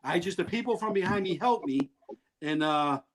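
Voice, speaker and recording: A man telling wild stories in an animated way, loudly acting out what people said and laughing often. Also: sits high, normal speed, a little hiss or hum. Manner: excitable, acts out quotes loudly, laughs often. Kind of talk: animated storytelling.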